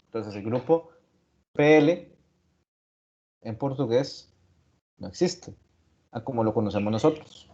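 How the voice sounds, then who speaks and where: A man's voice: mid-range voice, dark tone. A male teacher giving an online class lecture, explaining step by step, repeating key words and asking rhetorical questions. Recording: dull lo-fi audio.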